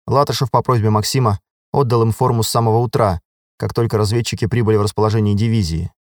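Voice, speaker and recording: A man narrating an audiobook in a steady, even storytelling voice. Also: on the low side, fast talker, no room sound, studio quality. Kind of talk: scripted narration.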